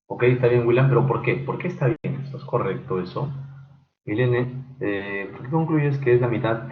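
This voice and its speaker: A man teaching an online engineering class, halting with many fillers and quizzing students by name. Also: mid-range voice, roomy sound, phone-quality sound, a little hiss or hum. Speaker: engineering lecturer.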